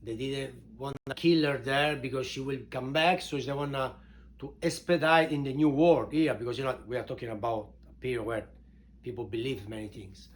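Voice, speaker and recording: A man from Italy with an Italian accent, informally introducing his book in halting non-native English, repeating words for emphasis. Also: mid-range voice, steady tone. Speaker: author and show host introducing his book.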